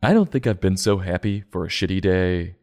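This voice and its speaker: Man, comedy narrator, lowish pitch, very lively intonation, sarcastic, irreverent, profane. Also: brisk. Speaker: host of a comedic book review show. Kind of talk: comedic scripted narration and commentary.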